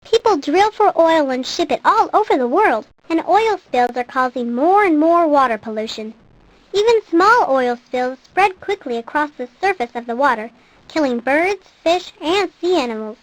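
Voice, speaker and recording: A woman's voice: sits high, lively intonation, normal speed, no echo, low-quality recording. A woman reading scripted nature documentary narration for an educational program.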